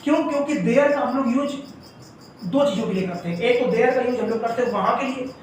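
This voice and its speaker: High-voiced man teaching, echoey room. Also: brisk, distant mic, a little hiss or hum. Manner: explains step by step, often says "ठीक है". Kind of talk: classroom grammar lesson.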